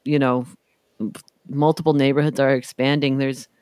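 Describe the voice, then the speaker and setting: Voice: medium pitch, little pitch movement, normal speed, a little mellow, no room sound, studio quality. A podcast co-host in casual political chat, meandering and hedging with many fillers.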